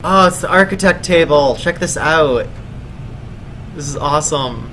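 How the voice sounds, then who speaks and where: A man streams a video game in a fairly high, bright voice. He chats casually and reacts aloud to what happens. He is talking over the roar of a fire in the game. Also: expressive, a little slow, rough recording. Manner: chatty, exclaims and reacts aloud. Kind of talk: casual live gameplay commentary. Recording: loud roaring game fire noise. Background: roaring fire and game ambience.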